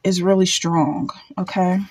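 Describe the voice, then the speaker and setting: Woman, tarot reader, casual pick-a-card reading, halting, repeats words. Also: fairly low pitch, steady tone, noisy background. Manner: thinks aloud, halting, repeats and restarts words.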